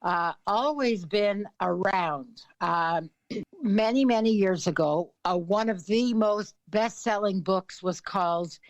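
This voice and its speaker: Speaking slowly in a mid-range voice, this older Canadian author and influence consultant gives thoughtful interview answers full of fillers, clearing her throat frequently. There's no echo, though the audio sounds dull.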